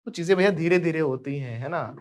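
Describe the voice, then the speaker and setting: A man's voice: fairly high pitch, a little fast. A man with an Indian accent teaching a spoken English lesson, switching between Hindi and English and having students repeat phrases.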